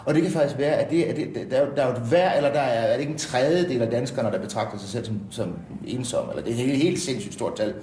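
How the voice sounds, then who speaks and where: A man's voice: mid-range voice, hardly any pauses, darkish tone, a little hiss or hum, lightly acted. A man playing a rambling, self-satisfied talk-radio host who trips over his own words. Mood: musing. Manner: rambling with many restarts. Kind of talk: satirical talk-radio banter. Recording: roomy studio echo.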